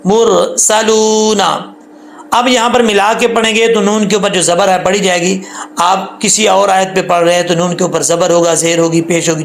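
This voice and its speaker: A man teaching tajweed rules patiently, repeating points and drawing out the recited syllables slowly. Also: high-pitched, creaky, slight background noise. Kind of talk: tajweed lesson with slow recited examples.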